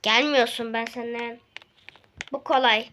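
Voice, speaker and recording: A woman giving casual, chatty gameplay commentary and talking straight to her viewers, sometimes dropping to a hushed voice. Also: on the high side, unhurried. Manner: chatty, excitable, addresses viewers directly; drops to a hushed voice at times. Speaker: gaming video creator.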